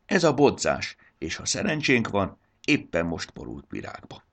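A man voicing a helpful, cheerful talking creature that explains the way in a gravelly voice. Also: on the low side, very animated, voice pushed up.

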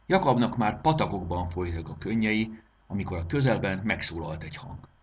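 A man narrating a children's story aloud in an expressive reading. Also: low voice, husky. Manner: expressive, lilting delivery.

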